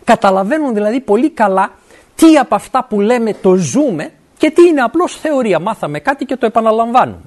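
In this sermon, a middle-aged preacher who is a university academic talks in a plain, earnest way with broad, lively pitch movement. He frequently stops to check understanding with a "right?" and weaves in quotations from scripture.

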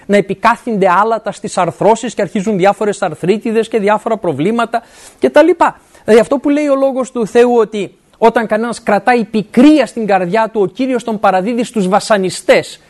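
Lively, earnest middle-aged preacher. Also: medium pitch. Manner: earnest, often stops to ask "right?" and quotes scripture. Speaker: university academic. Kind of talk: sermon.

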